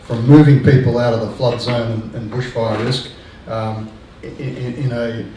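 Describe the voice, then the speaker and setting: A man's voice: medium pitch, fairly even intonation, measured pace. Earnest older man on a panel, echoey. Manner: hesitant, earnest, many ums and restarts. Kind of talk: panel discussion. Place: lecture room. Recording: echoey room, distant mic, faint noise.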